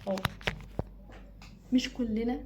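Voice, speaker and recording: Filming herself, a woman with an Egyptian Arabic accent offers casual advice straight into the lens, speaking slowly in a higher, fairly even voice. She stresses points emphatically by repeating phrases, over a noisy background.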